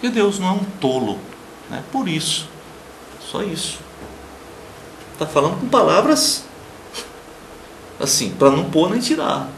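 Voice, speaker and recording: A man preaching a televised sermon with a Brazilian accent, emphatic, swinging between loud declarations and soft murmurs and acting out the people he quotes. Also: on the high side, big pitch swings, unhurried, long pauses, a little hiss or hum. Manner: acts out quoted people in raised voices. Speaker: pastor. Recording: roomy with faint ambience.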